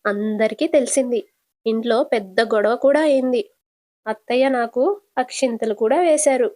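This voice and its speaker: Calm, patient older sister with a fairly high voice, as a woman storyteller voices her; retold serial. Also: moderate pace, close to an everyday voice. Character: gentle modest young married woman, older sister. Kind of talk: casual retelling of a TV serial.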